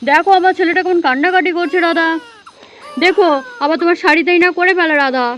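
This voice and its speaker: A worried, complaining father, as a woman voices him in a doll story, pleading with his wife. The voice is high for the part. Faint noise runs behind. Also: fast talker, fairly bright tone. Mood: fretting. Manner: pleading, repeating the wife's name.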